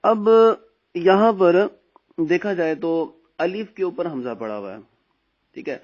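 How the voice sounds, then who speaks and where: Man, Pakistani Urdu accent, Quran teacher, slightly high voice, patient, drawn-out recitation, lo-fi recording. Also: sing-song, a little mellow. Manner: slow, drawn-out recitation of letter sounds between explanations; patient, repeats "theek hai" often. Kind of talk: recorded lesson on braille Quran reading. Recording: dull lo-fi recording.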